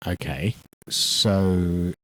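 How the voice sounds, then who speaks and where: A man's voice: sits low, extremely slow. A man hosting a local radio show, chatty and joking, often repeating his words. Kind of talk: casual radio chat. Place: radio studio.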